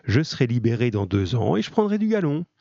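A man's voice: medium pitch, big pitch swings, fairly quick, vocal fry, dark tone, no echo, dull audio. A man voicing a streetwise young male convict who boasts in a matter-of-fact way. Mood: boastful.

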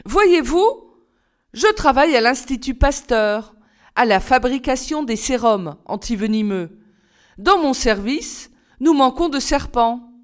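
Woman reading a smooth, charming young doctor. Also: high-pitched, lively intonation, unhurried. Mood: coaxing.

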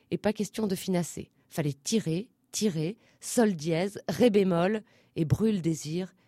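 Mellow low-voiced woman reading a story. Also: dry recording, clean studio sound. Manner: measured, rhythmic reading of short phrases. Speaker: audiobook narrator. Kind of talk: scripted literary narration.

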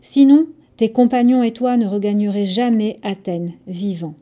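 A woman's voice: on the high side, a little slow, dark tone, close to an everyday voice. A woman voicing a menacing horned, bearded male god of wine in a told story, speaking in a commanding, threatening way.

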